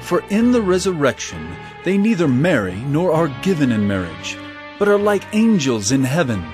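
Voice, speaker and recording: Emphatic, expressive Jesus, music underneath. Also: male voice, on the high side, normal speed. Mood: authoritative teaching. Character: Jesus, an authoritative male teacher telling parables. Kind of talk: dramatized scripture audio drama.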